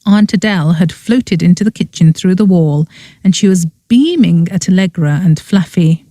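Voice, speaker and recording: A woman reading as a cozy mystery audiobook narrator, in expressive scripted storytelling. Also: fairly low pitch, normal speed, dry recording, studio quality.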